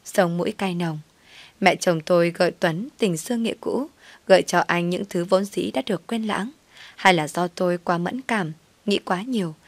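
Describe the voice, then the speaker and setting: A woman's voice: fairly low pitch, no room sound. A woman narrating a first-person story, with a wry, sardonic inner voice.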